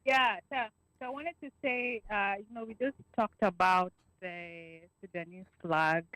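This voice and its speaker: A woman's voice: medium pitch, steady tone, a little slow, pushed and bright, no echo, poor audio. A woman caller chatting casually on a call whose line keeps breaking up, hesitant and full of fillers.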